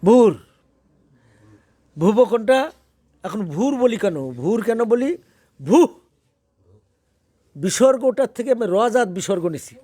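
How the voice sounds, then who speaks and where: Man, high-pitched religious teacher, dry close sound, quizzes his listeners as he teaches. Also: mellow, no room sound. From Bangladesh. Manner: explains by asking questions, then chants slowly. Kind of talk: spiritual teaching to a group.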